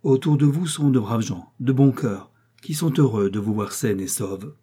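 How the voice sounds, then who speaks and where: Speaking at medium pitch with a husky, natural quality, a man plays a composed, confident detective's agent, explaining matters steadily and reassuringly.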